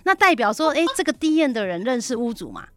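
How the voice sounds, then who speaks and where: Fast-talking woman telling a lively story. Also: high voice, no echo, faint music behind. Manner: animated storyteller, acts out quoted dialogue. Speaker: real estate agent guest. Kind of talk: casual radio chat, storytelling. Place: radio studio.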